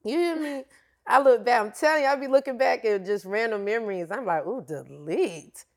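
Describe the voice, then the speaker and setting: A woman's voice: a little high, brisk. A woman fitness instructor telling her story in a candid, slangy, casual interview.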